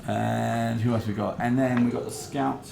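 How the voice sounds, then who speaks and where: A man's voice: medium pitch, fairly even intonation, moderate pace, vocal fry, a crowd in the background. A man casually narrating a tabletop game as game master, in an informal, conversational way. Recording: roomy echo, loud background noise, clicks.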